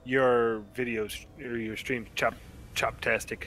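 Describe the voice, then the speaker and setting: Man, co-player on voice chat, teasing, casual banter, medium pitch, faint background noise. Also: little pitch movement, slow pace, a bit bright, low-quality recording. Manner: teasing, chuckling.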